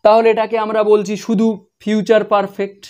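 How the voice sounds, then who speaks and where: A high-voiced man leads a grammar lesson. He explains each rule step by step, saying example sentences slowly and repeating them. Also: completely flat delivery, a little mellow, smooth. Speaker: English grammar teacher. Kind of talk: spoken grammar lesson at a board.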